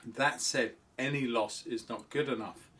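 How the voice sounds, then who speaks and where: A man's voice: mid-range voice, a little slow, fairly bright tone. Chatty middle-aged man rambling about his hobby. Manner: rambling, self-deprecating, chatty. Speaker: model railway channel host. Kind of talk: casual hobby vlog talk.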